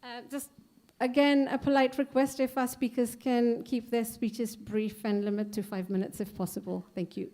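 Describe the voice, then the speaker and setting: A woman acts as MC in a soft-edged, mellow voice pitched a little high. She is polite and slightly hesitant as she introduces speakers informally. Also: flat delivery, normal speed. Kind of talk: informal event hosting.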